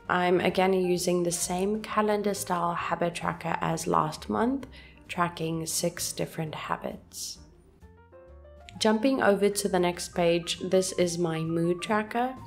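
A woman calmly narrating a scripted voice-over for her journaling video in a soft, gentle, unhurried way. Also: on the low side, vocal fry. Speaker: journaling channel host. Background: soft background music.

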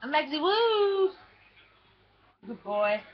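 At home, a woman films a casual video, chatting and cooing fondly at her pets in a slow, high, sing-song voice. The home recording sounds dull and lo-fi.

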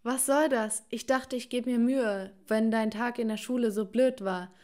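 A woman voicing a clingy, hurt boyfriend in his thirties in an animated story. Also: fairly high pitch, unhurried, natural voice. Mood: pleading.

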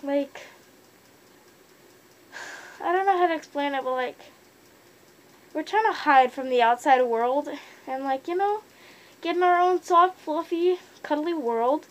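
High-voiced young woman inside a costume head. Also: measured pace, long pauses, poor audio. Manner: rambling, many fillers. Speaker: fursuiter vlogger. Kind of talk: casual opinion monologue.

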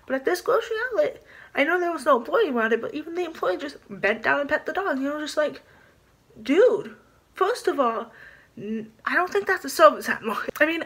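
A young woman with a fairly bright, somewhat high voice is vlogging from her small bedroom into a built-in camera mic. She rambles indignantly, gestures a lot, and fills her casual rant to the camera with plenty of "like."

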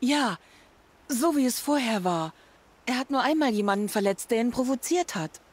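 A woman voicing a caring sister who speaks gently in a video game dub. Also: a little high, animated, normal speed, slightly rough. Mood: relieved.

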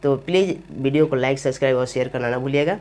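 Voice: medium pitch, quick pace, darkish tone. A teacher explaining Hindi spelling step by step, asking questions aloud and then answering them. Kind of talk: spoken grammar lesson.

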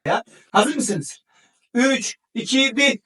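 Upbeat high-pitched dad hosting a family game, heard from a distance, constantly urging the kids to go faster. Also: male voice, a bit bright. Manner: urging, counting down, cheering children on.

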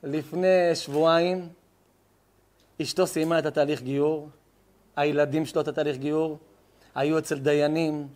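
A high-pitched man preaching as a rabbi before a live audience. He tells his story in a lively sermon style and hammers points home by repeating words. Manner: emphatic, repeats words for effect. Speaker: rabbi giving a lesson.

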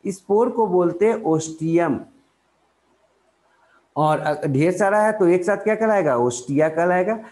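An Indian man teaches a biology lesson in a fairly high voice. He keeps asking the class questions and then answers them himself, padding his explanation with fillers and restarts. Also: lively intonation, measured pace, long pauses, darkish tone. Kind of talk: explanatory lecture in Hindi.

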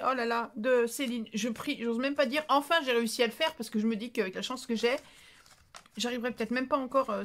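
A French woman with a fairly high voice talks casually to camera as she opens craft mail. She rambles and restarts her sentences, filling gaps with little hesitations. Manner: chatty and rambling, many fillers and restarts. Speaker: craft vlogger opening mail.

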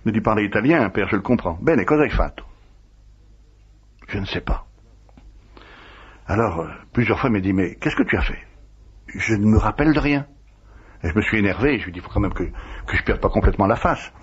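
A priest recalls his past in an interview, bringing the dialogue to life as he tells it. His husky voice is fairly low and a little fast, and he pauses often. It's heard through a dull, lo-fi radio recording.

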